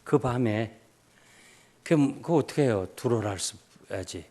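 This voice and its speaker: An older man preaching a revival sermon as pastor, urging loudly one moment and telling a story softly the next. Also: mid-range voice, lively intonation, measured pace. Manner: emphatic, swings between loud urging and soft storytelling.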